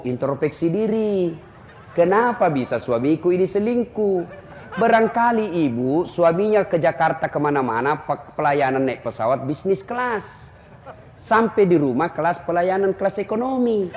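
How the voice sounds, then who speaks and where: A man preaching a humorous sermon to a crowd, joking and animated and breaking into shouts. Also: high-pitched, big-room sound, slight background noise.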